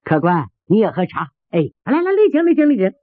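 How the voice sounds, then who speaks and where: A man's voice: high-pitched, huge pitch swings, fairly quick, no room sound. A man voicing a fawning male teahouse keeper who chuckles and patters obsequiously in a storytelling performance. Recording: tinny phone-like sound, dry.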